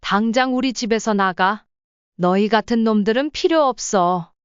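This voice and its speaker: A woman voicing a confused elderly wife in a read-aloud story, shouting accusations. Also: medium pitch, normal speed, clear, resonant tone, no echo, natural voice. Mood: accusing. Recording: slightly dull lo-fi sound.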